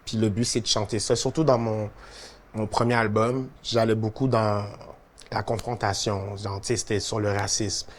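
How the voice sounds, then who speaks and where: Speaking at a moderate pace in a fairly low voice, this young man is a musician guest with a Quebec French accent. He looks back on his career in a relaxed, casual conversation full of fillers. There's slight background noise.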